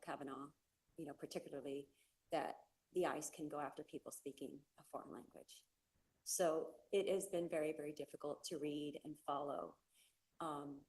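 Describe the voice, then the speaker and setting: Woman, middle-aged, low voice, from California, first language Spanish, earnest halting public comment. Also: poor audio. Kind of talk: public comment at a council meeting. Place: council chamber.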